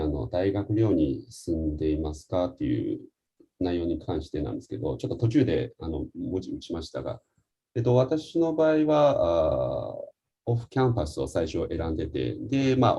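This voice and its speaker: Man, student panelist, very low voice, lively pitch, husky, dark tone, hesitant fillers. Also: moderate pace. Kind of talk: casual webinar Q&A answer.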